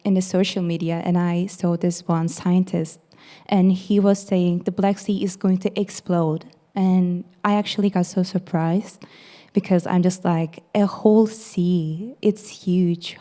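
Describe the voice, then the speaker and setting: A young woman with a Turkish accent explains her project to an audience in a low, mellow voice. She talks earnestly and leans on "actually" as she walks through each step. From Turkey. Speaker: master's student presenter. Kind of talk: casual presentation.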